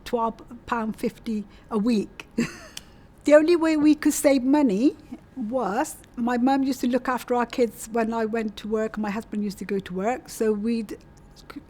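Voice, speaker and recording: Her voice is a little high and warm. This South West England woman in her 60s, interviewed for a community storytelling project, chats casually about her own life and often repeats points for emphasis.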